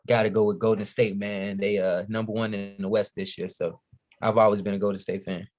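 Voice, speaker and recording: A man from Chicago with an American accent guests on a podcast, speaking a little fast in a low-leaning voice with little pitch movement. He's casual and slangy, and he keeps giving shout-outs.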